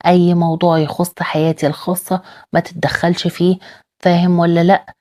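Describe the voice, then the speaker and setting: A defiant young mother lashes back with bitterness, as a woman narrator reads her part. The voice is low and mellow, with an Egyptian accent. It is delivered in a plain recap style. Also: level tone, a little fast, close to an everyday voice. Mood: bitter. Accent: Egyptian Arabic.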